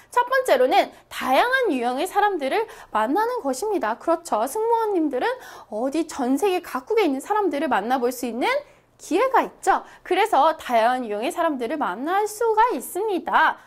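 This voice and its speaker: A young woman teaching an online English lesson, lively and encouraging, reading example phrases slowly for students to repeat. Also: high-pitched. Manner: lively, encouraging, checks in with "right?" often.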